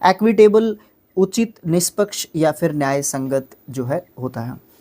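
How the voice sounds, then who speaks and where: A man's voice: on the high side, animated, darkish tone. Patient male English vocabulary teacher. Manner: explains patiently with constant tag questions; sounds out words slowly by syllable. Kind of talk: vocabulary lesson.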